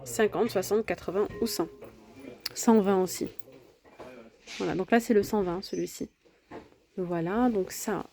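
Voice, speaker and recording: Casual woman vlogger, mellow tone, chatty store walkthrough on a phone. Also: mid-range voice, a little hiss or hum. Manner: chatty, lists prices and sizes, frequent fillers. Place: large home improvement store, indoors.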